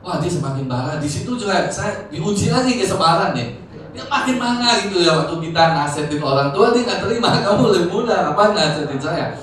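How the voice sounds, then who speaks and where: A man in his forties, a church leader, tells a personal testimony in a conversational way, full of fillers and growing animated as he retells events. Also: sits high, brisk. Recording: echoey hall, mic far off.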